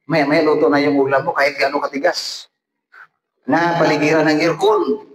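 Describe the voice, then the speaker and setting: A man delivers an emphatic, animated revival sermon, speaking in a fairly high voice. He keeps turning to his listeners with direct appeals. The sound is echoey, with a faint hum of ambience behind him. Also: normal speed. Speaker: preacher at a revival meeting. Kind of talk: evangelistic sermon.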